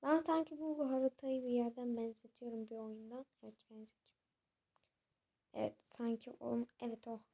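A woman's voice: on the high side, fairly even intonation, normal speed, warm tone, husky. Jumpy young woman gamer, muffled. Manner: chatty, jumpy, talks to viewers. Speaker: gaming channel host. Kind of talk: let's-play commentary.

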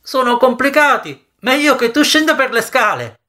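A spiteful boy with troll teeth shouts mocking warnings in a high, piercing voice, as a man reading the story puts him on. His pitch leaps and falls restlessly, sneering at every turn. A storybook villain who enjoys the other man's fear. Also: big pitch swings, normal speed, heavily acted. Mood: taunting. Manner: shouting after, taunting.

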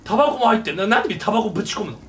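Excitable high-voiced man gaming. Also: rapid-fire, distant mic, faint music behind. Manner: excitable, loud shouted reactions. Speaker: gaming YouTuber. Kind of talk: gameplay commentary.

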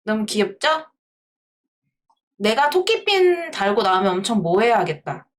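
A woman's voice: medium pitch, very animated, a little slow. A woman chatting casually on a livestream, playful and giggly as she talks to her viewers. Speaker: live streamer.

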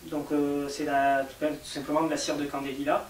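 A man's voice: on the high side, level tone, normal speed. Patient French man explaining, echoey room. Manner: patient, explains step by step with many fillers. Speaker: cosmetics maker interviewed. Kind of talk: explanatory interview talk. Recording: echoey room, mic at a distance, faint hiss.

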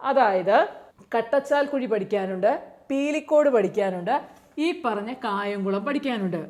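A woman's voice: a little high, a little mellow. A woman giving a casual exam-prep lesson, repeating key facts and asking her listeners rhetorical questions. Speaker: exam coaching teacher.

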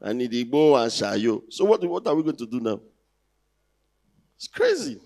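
On a large indoor theatre stage, a man in his thirties with a Nigerian accent does conversational, teasing stand-up, firing rhetorical questions at the crowd through a handheld mic. His voice is medium-pitched, sing-song and darkish, at a moderate pace.

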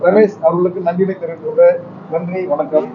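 A man with a high voice delivers a formal congratulatory speech, pausing between phrases. The recording is dull and has clear background noise from the event. His delivery is halting and oratorical. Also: steady tone. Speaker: music troupe leader.

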